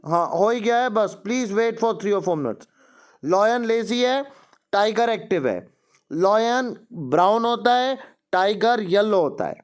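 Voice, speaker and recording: A man with an Indian accent and a high-pitched voice runs a children's English lesson. He speaks slowly and deliberately, drilling each word before explaining it in Hindi. His tone is that of a coaching tutor addressing his students. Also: smooth. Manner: promotional asides to paying students. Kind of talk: teaching a class-one English lesson in Hindi and English.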